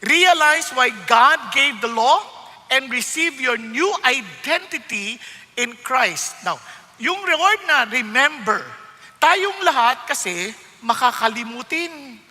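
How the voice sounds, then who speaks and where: High bright Filipino-accented male preacher. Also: lively intonation, slow. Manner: emphatic, switches between English and Tagalog, rhetorical questions to the congregation. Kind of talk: sermon. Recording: long reverb of a large hall.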